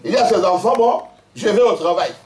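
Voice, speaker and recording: A man preaching a lively sermon as pastor, telling stories with frequent laughter and quizzing his congregation. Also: high voice, a little fast. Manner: animated storytelling, laughing often, quizzing the congregation. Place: church hall. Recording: echoey church hall, mic at a distance.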